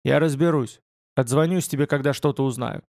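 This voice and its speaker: A man's voice: mid-range voice, brisk, vocal fry, a little mellow, no echo, studio quality, lightly acted. A man voicing a flustered, bewildered male literary agent who pleads with his old friend, in an audiobook reading.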